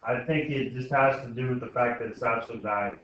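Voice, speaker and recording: The recording, made with a distant, muffled mic, sounds very echoey and noisy as a male algebra teacher runs an informal lesson full of questions that check students' understanding. He talks fast in a steady, mid-range voice with a bit of brightness.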